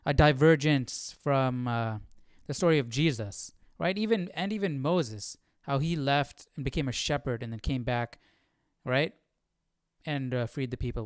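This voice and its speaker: Clear and resonant, this man's mid-range voice comes through with studio quality and no echo. Hosting a live Bible study stream, he muses aloud in a relaxed, reflective way, checks in with his audience, and frequently tags on a "right?"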